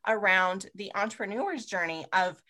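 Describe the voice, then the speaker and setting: A woman guest on an interview podcast, telling lively stories, swearing freely and laughing often. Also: mid-range voice, moderate pace. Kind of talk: casual interview chat.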